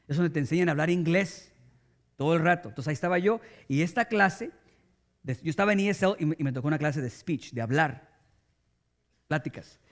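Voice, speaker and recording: A man's voice: fairly high pitch, fairly quick, pauses often. A male pastor preaching a sermon with emphasis, speaking straight to his congregation. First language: Spanish.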